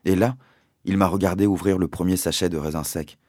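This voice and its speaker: Male audiobook narrator, very low voice, measured and deliberate, dry close recording. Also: fairly even intonation, darkish tone, no echo. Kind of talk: audiobook reading.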